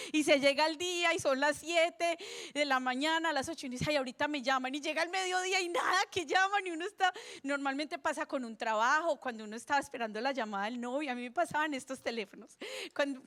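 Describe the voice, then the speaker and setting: A woman's voice: sits high, fairly bright tone. A woman pastor preaching a sermon in a church, in a conversational way, often asking the congregation questions.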